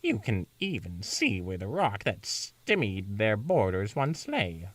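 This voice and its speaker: A man's voice: lowish voice, big pitch swings, measured pace, a bit bright, no echo, recorded from a distance, exaggerated voice. A man voicing a regal, ancient female pony princess, reading her lines in a stately, raised voice. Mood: solemn.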